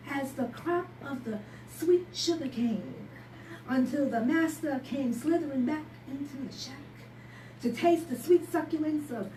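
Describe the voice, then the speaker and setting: Woman, spoken word poet, slow emphatic rhythm, echoey live room from afar. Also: sits high, recorded from a distance, slight background noise. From Barbados. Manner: rhythmic, emphatic, rising to shouts. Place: live poetry night venue.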